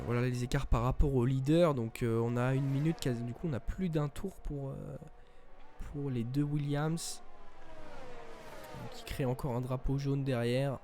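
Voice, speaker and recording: A man giving live race commentary as a motorsport commentator, moving between measured observation and excited calls of the action. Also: mid-range voice, slight background noise. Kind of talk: live race commentary, esports sim racing.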